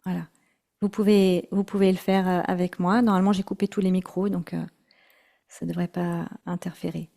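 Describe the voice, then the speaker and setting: A woman teaching mantra chanting in an online workshop, speaking gently with many hesitations and repeated words. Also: on the low side, flat delivery, moderate pace, vocal fry. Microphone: video call.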